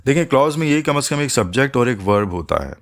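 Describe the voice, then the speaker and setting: A man teaching an English grammar lesson, explaining patiently step by step and slowing down to spell out each English example. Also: mid-range voice, sing-song, vocal fry.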